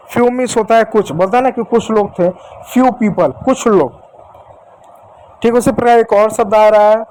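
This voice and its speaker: High-voiced man teaching English spelling. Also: a little mellow, poor audio. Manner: repetitive, asks and answers own questions; addresses viewers as dear children. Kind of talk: whiteboard spelling lesson.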